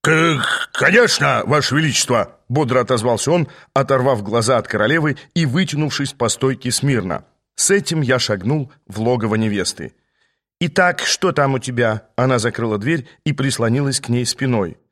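Man reading an audiobook, dry and measured. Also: medium pitch. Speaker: audiobook reader. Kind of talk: scripted first-person narration.

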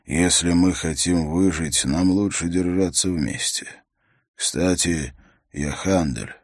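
A man voicing a tall, shaggy, bearded male slave who speaks softly and kindly to a fellow captive. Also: slow, no room sound, studio quality, full character voice. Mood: hushed, kind. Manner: soft, hushed and low.

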